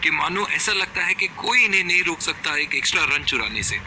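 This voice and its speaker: Man acting as excited cricket game commentator, slightly high voice, animated and dramatic, clear background noise. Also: fast talker, full character voice. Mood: excited, engaged. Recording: noisy stadium game audio.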